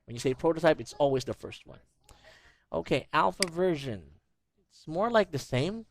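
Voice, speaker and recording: A man's voice: on the high side, sing-song, moderate pace. A man teaching English one-on-one over a video call. He patiently explains new vocabulary with everyday examples and leans on "you know" as he talks. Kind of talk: online one-on-one English lesson.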